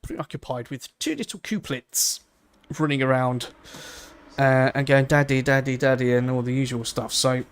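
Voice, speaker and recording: A man in his thirties calls a live sim race in a loose, rambling, chatty way. His voice has a gravelly edge, and he laughs easily between updates. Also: mid-range voice, moderate pace, a little hiss or hum. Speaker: sim racing commentator. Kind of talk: live esports race commentary.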